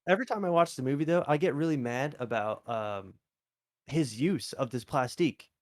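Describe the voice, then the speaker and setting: A man's voice: medium pitch, moderate pace. A young man co-hosting a podcast, talking animatedly and asking question after question about a film. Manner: animated, asks many questions. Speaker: podcast co-host. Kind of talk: casual movie discussion.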